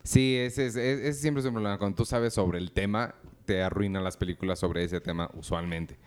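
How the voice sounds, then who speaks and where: A man's voice: fairly low pitch, steady tone, moderate pace, clean tone. A man co-hosting a casual podcast chat in a joking, playful way. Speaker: magazine co-host.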